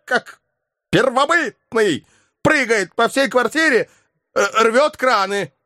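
A man voicing a pompous older male professor who lectures and shouts in tirades. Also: sits high, no echo, clean studio sound, voice pushed up, heavily acted.

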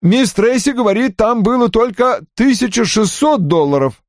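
A high, lilting voice belongs to a fussy young male assistant who reports every detail at length in stiff, formal phrasing, as a man puts him on. The storybook delivery swings up and down. It is recorded close and dry, with no room sound. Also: animated, moderate pace, no room sound. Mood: earnest. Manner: long-winded, over-formal reporting. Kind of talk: audiobook character voice.

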